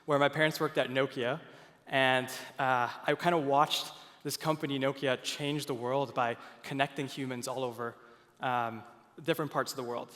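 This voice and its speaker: This is a young man from Finland presenting a product earnestly at a conference, frequently restarting and filling pauses. His mid-range, slightly bright voice keeps a fairly even intonation at a normal speed, echoing with long reverb in the large hall.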